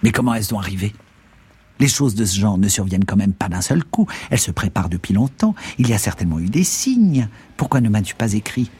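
A man voicing an excitable, loud older country uncle in an audiobook reading, agitated and pressing. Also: fairly low pitch, fairly quick, husky, full character voice.

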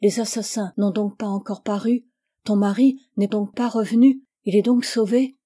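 A woman's voice: medium pitch, steady tone, moderate pace, dark tone, natural voice. A woman reading aloud and voicing a desperate, passionate young native woman with an urgent delivery. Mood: anxious.

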